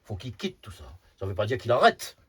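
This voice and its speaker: A man's voice: mid-range voice, very animated, brisk, husky. A man over fifty giving an informal spiritual talk as a Sufi teacher, often repeating words and tagging phrases with short asides. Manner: repeats words, frequent "hein" tags, emphatic bursts.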